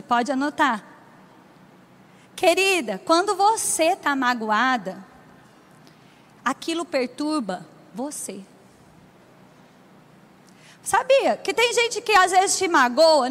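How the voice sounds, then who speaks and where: A Brazilian woman with a very high, light voice, preaching with warmth and emphasis. She keeps drawing her listeners in with call-and-response. Her words ring out in a long hall reverb. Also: sing-song, slow pace, long pauses. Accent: Brazilian Portuguese. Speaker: preacher at a women's gathering. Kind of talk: sermon.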